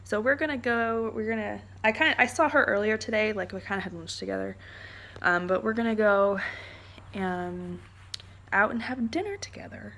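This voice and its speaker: A woman's voice: mid-range voice, brisk, fairly bright tone. Chatty young woman vlogging. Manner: rambling, chatty, frequent "like" and "um". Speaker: vlogger, military spouse. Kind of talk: casual chat to camera.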